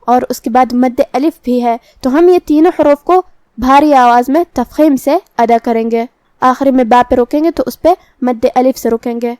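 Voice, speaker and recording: A woman teaching Quran recitation rules in a calm, step-by-step way, with slow drawn-out chanting of verse examples. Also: sits high, clean tone, no room sound. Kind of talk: tajweed lesson explaining pronunciation rules.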